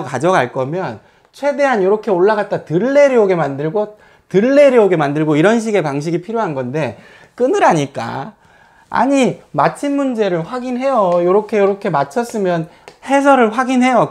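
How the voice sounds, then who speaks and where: A man lecturing his math academy students in a blunt, scolding tone. His pitch swings up and down, and he keeps firing rhetorical questions at them. He lets casual swear words slip in as he talks. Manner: lively, lots of rhetorical questions.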